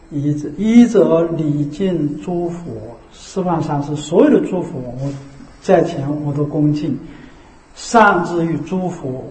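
A man giving a Buddhist dharma talk as a teacher. He keeps checking in with rhetorical tags and slows into a measured recited cadence for scripture. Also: high voice, warm tone. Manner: repeats the tag "是吧" as a rhetorical check. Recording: echoey room.

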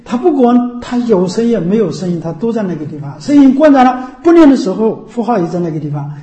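A man's voice: high voice, big pitch swings, quick pace, warm tone. A man teaching as a Buddhist teacher in a dharma talk. He explains things over and over and keeps checking with his listeners. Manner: repetitive, explanatory. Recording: echoey room.

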